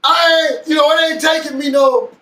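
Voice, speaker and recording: A man telling a personal story in a slow, deliberate way with long pauses. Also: very high-pitched, steady tone, pushed and bright. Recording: echoey room, far from mic.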